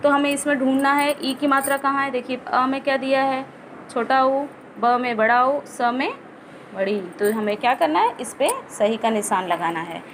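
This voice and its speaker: A woman's voice: high voice, a little hiss or hum. A woman teacher giving a patient lesson to young children, explaining step by step and asking questions she answers herself. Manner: slow, patient explaining with many rhetorical questions. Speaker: school teacher.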